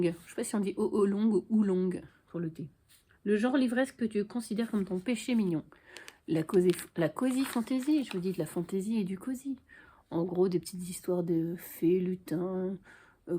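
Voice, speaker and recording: A woman's voice: medium pitch, dark tone. A woman book vlogger chatting frankly to the camera at home, with dry little asides. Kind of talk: casual chat to camera.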